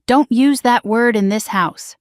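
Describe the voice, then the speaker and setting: A woman's voice: fairly high pitch, a little slow, no room sound, studio quality, lightly acted. A woman reading as a stern, defensive father. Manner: curt, commanding.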